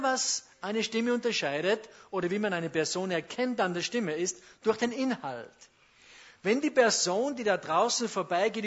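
A middle-aged man gives a sermon, talking with his listeners and asking them questions. His voice sits high for a man. The recording sounds a little muffled. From Austria. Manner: conversational, asks the audience questions. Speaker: preacher.

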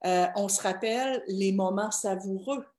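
A woman's voice: mid-range voice, moderate pace, a little mellow, reverberant. A woman with a Québécois accent, a host giving earnest advice to parents through rhetorical questions. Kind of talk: heartfelt advice talk to parents.

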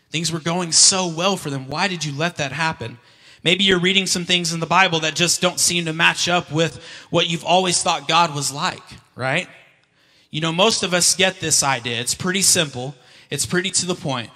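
A male pastor delivering a sermon with a bright, ringing voice, a touch higher than most men. He swings from near shouts when reading scripture down to low, quiet emphasis. The sound carries a long church-hall reverb.

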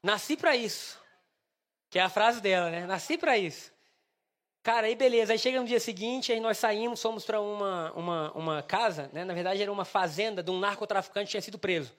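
A young man preaching, telling a funny personal story with lively acted dialogue. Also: high voice, quick pace, hardly any pauses. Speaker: pastor. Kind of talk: sermon with storytelling.

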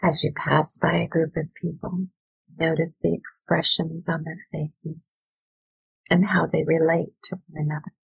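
A woman educator speaking in a soft, soothing, deliberate way with pauses, as if leading a guided visualization, her voice breathy and husky. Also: low voice, flat delivery, no echo, poor audio. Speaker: educator, workshop leader.

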